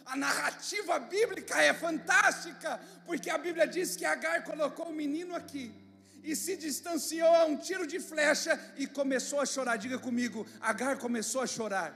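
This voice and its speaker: A man preaching an evangelical sermon as pastor, surging into shouts and leading his church in call-and-response. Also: extremely high pitch, moderate pace, creaky. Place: church sanctuary. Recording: long church reverb with music behind.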